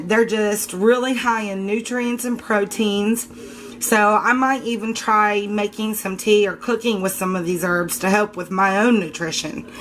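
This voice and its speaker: Chatty and informal, this home soap maker talks through a casual kitchen vlog, unsure at times and fixing her own words. She has a congested, scratchy voice of medium pitch and a fairly bright tone.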